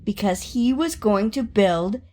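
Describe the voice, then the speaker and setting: A woman with a mid-range voice reads a children's story aloud dramatically, stretching out words for emphasis and acting out the sound words.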